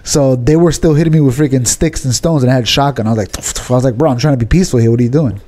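A man's voice: medium pitch, very fast, a little hiss or hum. A man in his thirties co-hosting a podcast, chatting casually and telling rambling stories. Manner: relaxed, rambling storytelling. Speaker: podcast co-host. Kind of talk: casual chat. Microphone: podcast studio mic.

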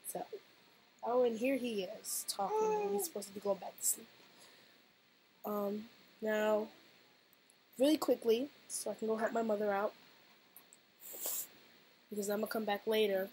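This is a woman hosting a casual reaction vlog, talking off the cuff and wandering from thought to thought. Her voice sounds a bit hoarse, and she laughs easily between sentences. A faint background hiss sits under the recording. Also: mid-range voice, mellow, poor audio. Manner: chatty, rambling, laughs often. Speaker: reaction video host.

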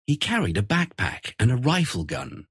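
A man narrating a children's fairy tale in a measured storytelling way. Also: mid-range voice, sing-song, fairly bright tone, slightly rough, no room sound, studio quality.

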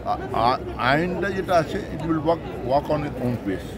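An older man, a former fire official, gives halting, improvised answers to reporters outdoors, slipping in English phrases. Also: fairly high pitch, lively intonation. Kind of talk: impromptu press statement. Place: outdoors at a busy street scene. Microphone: press microphones held close. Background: crowd noise.

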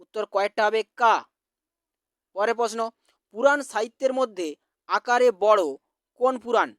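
A teacher from West Bengal slowly reading out exam quiz answers, repeating each question. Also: medium pitch, fairly bright tone, no room sound, clean studio sound.

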